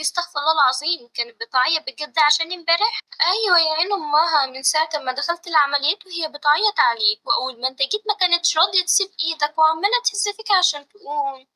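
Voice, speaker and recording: A woman with an Egyptian accent voicing a pushy, flirtatious nurse who talks loud and teasing. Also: high-pitched, rough recording.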